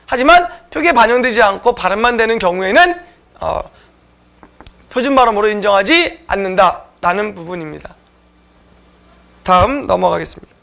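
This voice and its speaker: A man's voice: high-pitched, expressive, normal speed, vocal fry, long pauses, a bit bright. A man teaching an online exam-prep lecture, explaining answers to viewers with frequent filler sounds.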